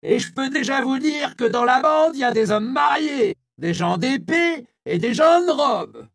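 A man voicing a crude, fierce old woman who yells coarse slang at a crowd in a raspy but powerful voice, in a storybook reading. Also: extremely high pitch, lively intonation, unhurried, dry recording, clean studio sound, pitched above the performer's own voice, exaggerated voice. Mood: scornful yelling. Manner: foul-mouthed slangy yelling.

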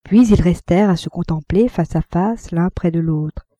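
A woman narrating a classic novel in a measured, even storytelling manner. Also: on the low side, no room sound, studio quality. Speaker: audiobook narrator.

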